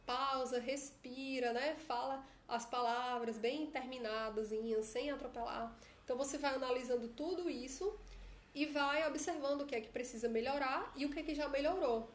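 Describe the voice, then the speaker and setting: Coaching followers on a casual phone live stream, a Brazilian woman talks chattily and keeps adding tag questions, her Brazilian Portuguese accent clear. Her high-pitched voice moves at a moderate pace, and the echoey recording has a little hiss or hum.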